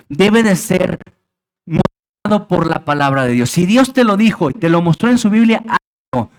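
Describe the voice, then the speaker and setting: A male pastor preaches to his church in an emphatic way, pressing his listeners with question after question. His voice sits a little higher than most men's. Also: poor audio. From Mexico. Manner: emphatic, rhetorical questions to the congregation. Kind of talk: sermon. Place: church sanctuary.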